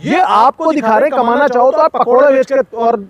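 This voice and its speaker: A man's voice: very high voice, moderate pace, muffled recording, a loud crowd. A man speaking as an activist in a street interview, lecturing with passion and repeating phrases for emphasis. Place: outdoors in a crowded public place.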